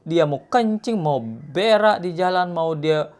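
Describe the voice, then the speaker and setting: A man's voice: high voice, a little slow, darkish tone. A man from Indonesia who lives in Japan, giving an earnest, scolding commentary to his viewers in a casual vlog. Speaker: vlogger living in Japan.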